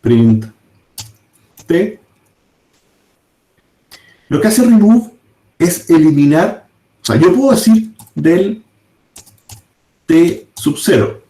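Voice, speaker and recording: A man walks his class through code one step at a time, pausing to check that they follow. His voice sits a little high but sounds soft and dark, and he talks slowly. The sound carries a roomy echo. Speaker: programming teacher. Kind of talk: live coding class. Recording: echoey room.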